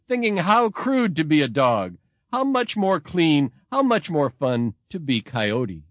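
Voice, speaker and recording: A man giving a measured, expressive scripted narration as a narrator. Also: fairly high pitch, no room sound.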